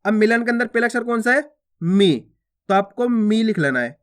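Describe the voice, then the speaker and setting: A man teaching children to read Hindi, sounding out each syllable slowly and asking the learner questions. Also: high voice, lively intonation. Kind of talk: spelling lesson, sounding out syllables.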